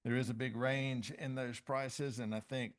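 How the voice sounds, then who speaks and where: A man, a city director, methodically presenting a project report at a public commission meeting with frequent pauses. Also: mid-range voice, flat delivery.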